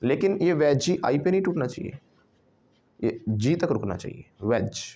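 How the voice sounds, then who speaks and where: A man's voice: on the high side, lively intonation, normal speed, warm tone, muffled recording, a little hiss or hum. Man teaching a class. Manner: drills the class with questions and repetition. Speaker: English teacher. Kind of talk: classroom lesson mixing Hindi and English. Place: classroom with students.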